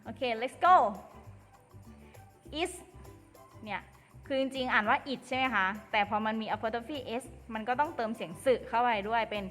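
A woman teaching an English lesson to children, explaining slowly and carefully and addressing them fondly. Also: on the high side, a bit bright. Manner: slow, careful explaining, addresses pupils as "ลูก". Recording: long reverb with faint music.

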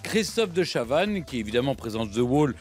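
A man's voice: medium pitch, sing-song, moderate pace, darkish tone. A man co-hosting a radio show, introducing guests and upcoming segments. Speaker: radio co-host. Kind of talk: radio chat.

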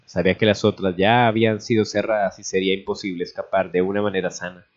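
A man with a fairly low voice reads a melodramatic story aloud at a steady pace. He now and then goes back over a stumbled word. The recording sounds dull and lo-fi. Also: fast. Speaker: narrator. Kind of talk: reading a fan story aloud.

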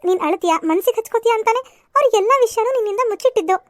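A fussing middle-aged mother from a cartoon serial, voiced by a woman, with a very high, thin voice. She talks in a chatty, coaxing way. The recording is close and dry. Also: racing, dry recording.

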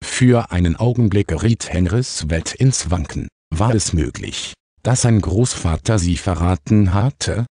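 A middle-aged man calmly reading a children's novel aloud, narrating the story and speaking all the characters. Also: deep voice, unhurried, breathy edge, no room sound, clean studio sound. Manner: calm storytelling, reads all roles. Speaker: audiobook narrator. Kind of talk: scripted narration.

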